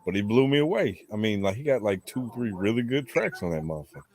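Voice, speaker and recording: A man co-hosting a casual podcast chat, rambling loosely and quick to laugh. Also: fairly low pitch, lively intonation, a little mellow. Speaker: podcast co-host.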